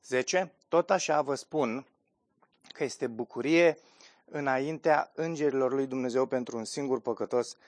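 A man's voice: mid-range voice, no room sound, clean studio sound. A man in his thirties preaching a sermon, reading scripture aloud and putting questions to his listeners. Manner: lively preaching, reads scripture aloud, asks the congregation questions. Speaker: pastor.

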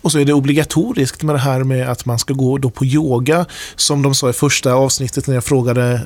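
A man hosting a radio talk show, asking calm questions and reading the closing announcement. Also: mid-range voice, no echo. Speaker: radio host. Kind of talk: radio interview and scripted outro. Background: music.

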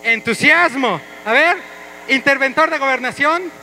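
A man, a pastor leading an energetic, playful interactive sermon with his congregation in a church. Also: very high voice, measured pace, a little hiss or hum, low-quality recording. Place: church hall.

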